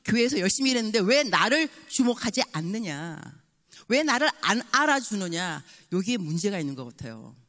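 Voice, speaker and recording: A woman in her sixties preaching a revival sermon as a guest pastor, lively and acting out little dialogues. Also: mid-range voice, in a large hall. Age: 60s. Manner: animated, mixes in English phrases and acts out dialogue. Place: church sanctuary.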